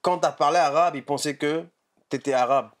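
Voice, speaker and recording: A man's voice: a little high, fairly quick, over a noisy crowd. Man joking in casual chat.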